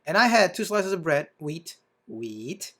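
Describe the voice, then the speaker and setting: A man's voice: a little high, very animated, a little slow, bright, forceful tone, slight background noise. A young man in his twenties co-hosting a podcast, chatting in an upbeat, teasing way. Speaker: podcast co-host. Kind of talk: casual chat.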